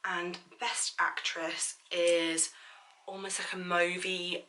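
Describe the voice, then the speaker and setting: A woman's voice: lowish voice, flat delivery, slow, background noise. A woman chatting casually through a makeup tutorial in a bubbly, gushing manner, with a slight lisp on her s sounds. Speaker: beauty vlogger.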